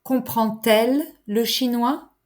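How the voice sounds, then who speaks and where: A woman teaching a French lesson, enunciating each phrase slowly and carefully. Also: on the high side. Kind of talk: slow, clear language lesson.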